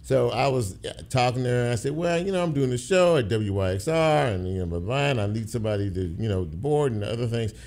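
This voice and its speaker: A man's voice: medium pitch, expressive, fast talker, few pauses, darkish tone. Middle-aged guy hosting a radio talk show, rambling, repeats himself, in the studio.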